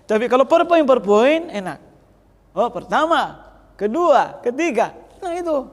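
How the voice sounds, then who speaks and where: High-voiced man coaching in an echoey hall. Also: big pitch swings, unhurried. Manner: gives blunt advice and often laughs. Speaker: teacher of sermon practice. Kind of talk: classroom feedback on public speaking. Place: classroom. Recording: echoey hall with long reverb.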